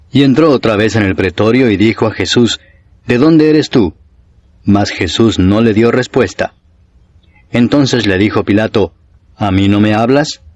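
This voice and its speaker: A man reading scripture aloud in a steady, solemn narration, raising his voice a little for the crowd's shouts. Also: lowish voice, dry recording, muffled recording. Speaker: Bible reader.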